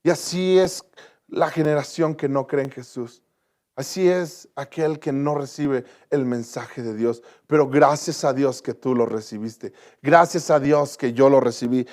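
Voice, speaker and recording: A man's voice: high voice, a little mellow. A man preaching a sermon as pastor in a church, earnest and repetitive, often restarting his phrases.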